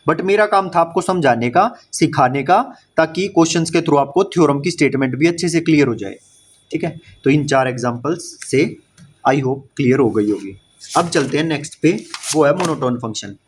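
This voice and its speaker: A man's voice: a little high, animated, brisk. A man teaching an exam-prep maths class, mixing English terms into Hindi with an Indian accent, explaining step by step and often checking that students follow. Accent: Indian English mixed into Hindi. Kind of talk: online exam-prep lecture.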